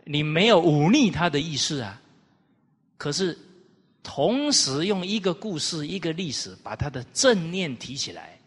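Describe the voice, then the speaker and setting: A male lecturer tells old anecdotes and asks his listeners rhetorical questions. He speaks slowly, with wide swings in pitch and a slightly husky voice. A long reverb trails behind him, as in a hall. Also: very animated. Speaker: lecturer on classics. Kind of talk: storytelling lecture.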